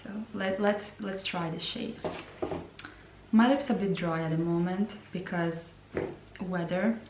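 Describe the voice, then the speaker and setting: A woman reviewing lip products in a slow, hesitant way, often repeating her words. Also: on the low side, steady tone, background noise. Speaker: beauty vlogger. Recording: roomy sound from a distance.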